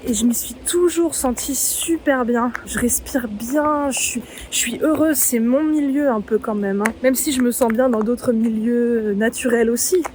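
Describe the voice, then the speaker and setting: A woman's voice: fairly high pitch, moderate pace, few pauses, a little mellow, a little hiss or hum. A woman from the Yvelines, chatting casually while hiking through a forest, thinking aloud with plenty of fillers. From Yvelines, France. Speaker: travel vlogger. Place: forest trail outdoors.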